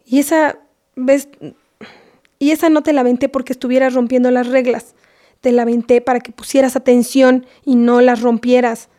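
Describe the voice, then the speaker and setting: A woman's voice: high voice, little pitch movement, normal speed, mellow, natural voice. A woman playing a scolding but loving mother with a Mexican accent, lecturing her daughter in a comedy sketch. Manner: scolding, lecturing, half-whispered.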